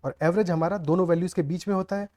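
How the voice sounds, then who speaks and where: A man's voice: high-pitched, steady tone, racing, mellow. A man teaching a maths lesson step by step, often checking with the class whether they follow. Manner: explains aloud, often checks the class with "clear?" and "okay".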